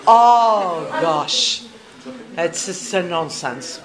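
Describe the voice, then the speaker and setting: Slow-speaking woman in echoey chatter. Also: lowish voice, lively intonation, over music. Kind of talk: casual chat with students. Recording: echoey, very noisy group chatter.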